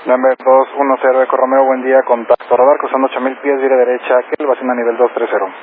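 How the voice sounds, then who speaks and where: A man's voice: mid-range voice, flat delivery, fast. A man working as an air traffic controller, issuing procedural instructions over aviation radio. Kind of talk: procedural approach radio communication. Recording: narrow air-band radio, faint static.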